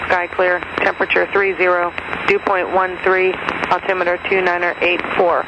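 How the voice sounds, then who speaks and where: A man reading an airport weather broadcast over the radio in a flat, monotone way. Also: high-pitched, normal speed. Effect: recorded airport weather radio broadcast. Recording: dull, noisy radio reception.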